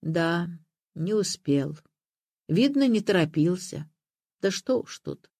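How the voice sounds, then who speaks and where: A reader voicing a frail, bitter old woman who speaks in a flat, cold, tired way. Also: mid-range voice, slow, no room sound, studio quality. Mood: cold weary. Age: older.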